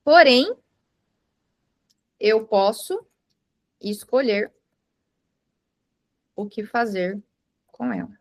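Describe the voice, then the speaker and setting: A woman's voice: medium pitch, very animated, very slow, pauses often, no room sound, clean studio sound. A woman teaching mindfulness to a live group, patiently explaining with everyday examples and asking the class questions. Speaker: mindfulness instructor. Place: indoor room with a live group.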